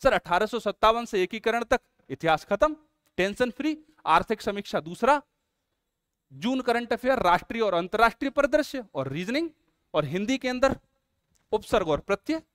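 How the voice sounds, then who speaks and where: A man's voice: high-pitched, sing-song, normal speed, a bit bright, clean tone, no room sound, clean studio sound. A man, an exam coaching teacher, walking students through a test series in an earnest, coaxing way. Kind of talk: promotional explainer lesson.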